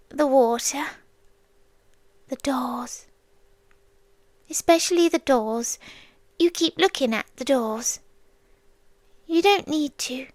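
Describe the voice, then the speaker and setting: Quietly menacing, a British woman performs a possessive, childlike female sea demon for ASMR roleplay. The high-pitched voice stays soft and breathy, dipping into whispers between slow, coaxing pauses, with a tender, eerie quality. The recording has no echo.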